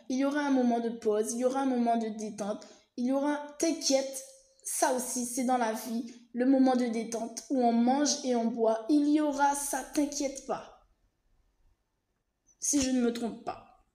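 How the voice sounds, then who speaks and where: Her voice is fairly high yet dark in tone as this woman talks to camera in a relaxed explanatory vlog. Chatty and hesitant, she fills the monologue with fillers, restarts and comforting asides, all in an echoey room.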